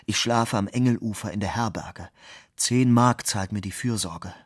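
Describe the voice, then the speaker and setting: A man reading aloud who voices a timid, resigned jobless beggar, speaking quietly. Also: fairly low pitch, moderate pace, no room sound, studio quality, lightly acted.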